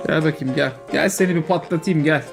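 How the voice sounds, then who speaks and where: A man giving casual, joking commentary while playing a game, quick to exclaim and swear. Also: on the high side, vocal fry, faint music behind. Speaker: streamer.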